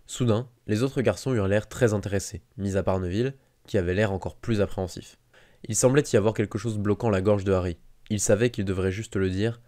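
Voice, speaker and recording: Low, mellow male audiobook narrator. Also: no room sound, clean studio sound. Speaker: audiobook reader.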